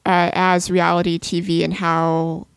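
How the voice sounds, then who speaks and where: A woman with a lowish, gravelly voice co-hosts a casual podcast. She talks hesitantly and fills gaps with ums and uhs. Her sound is dry and close. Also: completely flat delivery, a little slow, no room sound. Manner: hesitant, many fillers. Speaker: podcast host. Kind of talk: casual chat.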